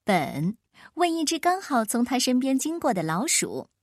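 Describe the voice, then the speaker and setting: A woman narrating a children's picture book with gentle, expressive storytelling. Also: sits high, moderate pace, no room sound, studio quality. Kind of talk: picture-book read-aloud.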